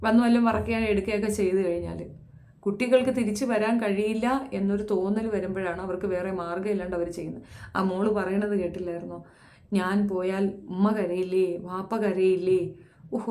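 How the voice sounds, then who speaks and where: A woman's voice: mid-range voice, darkish tone, roomy sound. A woman giving a blunt, impassioned commentary, scolding and firing rhetorical questions at young women. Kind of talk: impassioned social commentary monologue.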